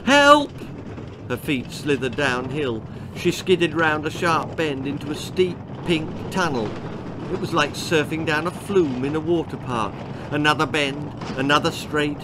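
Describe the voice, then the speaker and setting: An author narrates his own children's story from a script in a voice on the high side, with background noise audible. His reading is theatrical, suspenseful and strongly emphatic.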